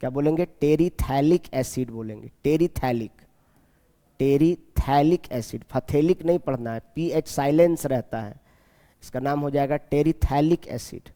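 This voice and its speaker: A man teaching a chemistry class, repeating key terms slowly and asking his students questions as he goes. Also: medium pitch, mellow, long reverb tail. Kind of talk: classroom lecture.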